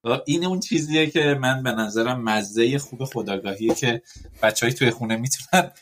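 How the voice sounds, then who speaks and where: A podcast host, talking casually and thoughtfully, pausing often with fillers and dropping in English words. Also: male voice, medium pitch, fairly bright tone, a little hiss or hum. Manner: thoughtful, rambling with many fillers and English loanwords.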